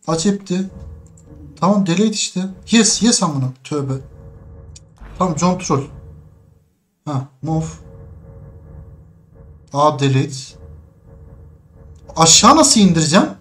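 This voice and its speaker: A young man playing a game and commenting as he goes, cursing and laughing at the controls, muttering quietly while sneaking. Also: high voice. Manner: exasperated, swearing at the game's controls, laughing. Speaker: gaming streamer. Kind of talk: let's play commentary.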